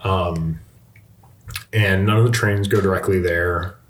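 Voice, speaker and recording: A man's voice: deep voice, steady tone, slow, slight background noise. A man hosting a podcast, telling a travel story in a casual, chatty way with detours. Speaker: podcast host.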